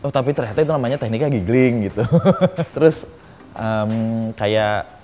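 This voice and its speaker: A man's voice: fairly low pitch, moderate pace, a little mellow, soft background music. A man who works as a voice over talent, chatting casually and playfully, showing off intonations and voices. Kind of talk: casual explanatory interview.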